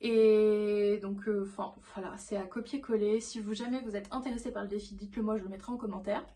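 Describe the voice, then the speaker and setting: A woman's voice: medium pitch, steady tone, a little fast, warm tone, a little hiss or hum. A young woman vlogging in a casual, chatty way. She rambles and talks enthusiastically, with many fillers and restarts. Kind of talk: casual vlog chat.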